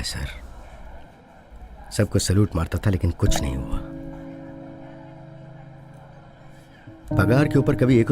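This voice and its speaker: A man's voice: fairly low pitch, lightly acted. An actor dubbing an aging, honest policeman and bitter widower, mournful and deferential, his voice breaking with tears. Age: older. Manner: mournful, deferential, repeats "sir". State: tearful, voice breaking. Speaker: suspended police officer. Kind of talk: dubbed film dialogue.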